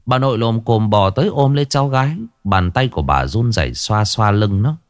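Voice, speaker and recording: A man's voice: on the low side, animated, a little fast, no echo, clean studio sound. A man narrating a horror story in a dramatic, ominous way.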